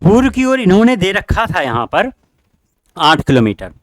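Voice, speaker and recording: A man's voice: high voice, sing-song, normal speed, no room sound. A man teaching an online exam-prep class, working through test questions and urging his students again and again. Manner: repetitive, urging students directly.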